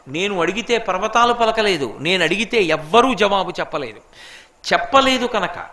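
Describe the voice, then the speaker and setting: Man as a proud, wrathful divine prince; high, bright, declaimed. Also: roomy sound. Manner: declaiming, indignant.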